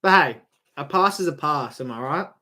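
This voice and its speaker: A young Australian man's live-stream football commentary is chatty and rambling, full of free swearing, and louder on goals. His voice is on the high side, with lively intonation at a moderate pace.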